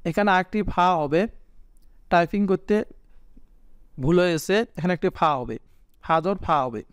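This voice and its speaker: A man teaching a prayer to viewers, spelling out the Arabic letters slowly and patiently with a Bangladeshi Bengali accent. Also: high-pitched, lively intonation, clear, resonant tone, no echo, studio quality. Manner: slow, patient spelling of Arabic letters, drawn-out chanted recitation. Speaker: religious teacher.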